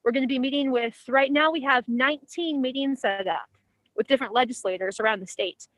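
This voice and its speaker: A woman's voice: sits high, brisk, fairly bright tone, no echo, rough recording. A woman nonprofit coordinator explaining her work in a friendly, informative way. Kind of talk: casual explanation.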